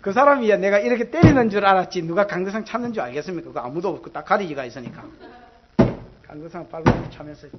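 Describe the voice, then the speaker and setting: A man's voice: high voice, animated, fast, highs cut off, noisy background. A middle-aged man with a Gyeongsang Korean accent, preaching a sermon and telling earthy personal stories with acted-out quotes. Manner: earthy storytelling, dialect, acts out quotes loudly. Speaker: pastor.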